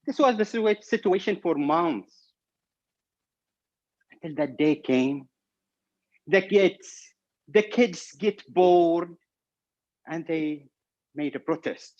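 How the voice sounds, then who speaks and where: A man's voice: fairly high pitch, expressive, slow, pauses often, darkish tone, highs cut off. A man giving a humorous contest speech, telling a family story and acting out the dialogue. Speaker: contest speaker.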